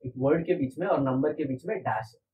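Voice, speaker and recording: A man's voice: medium pitch, brisk, far from the mic, phone-quality sound, a little hiss or hum. A man teaching a chemistry lesson, patient and repetitive, asking his class rhetorical questions. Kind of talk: classroom lecture.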